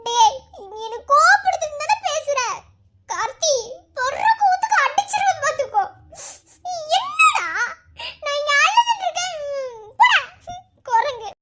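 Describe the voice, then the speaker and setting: A woman's voice: extremely high pitch, unhurried. A woman voicing a tearful young cartoon wife with a Madurai Tamil accent, sobbing and scolding in a childlike whine. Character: tearful young wife grieving a lost baby. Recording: loud background noise.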